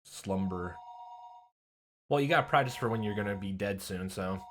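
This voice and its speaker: A man's voice: on the low side, normal speed, slight background noise. Man casually reading a visual novel. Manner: casual, laughing, rambling asides. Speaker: let's play reader.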